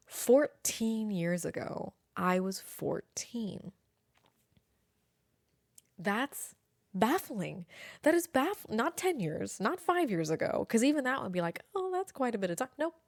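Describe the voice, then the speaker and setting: Her voice is fairly high and sing-song, and she takes it slowly, pausing often, in clean studio sound with no echo. Recording at home near an airport, this late-20s podcast host chats casually on her own, reflecting and repeating phrases to stress them.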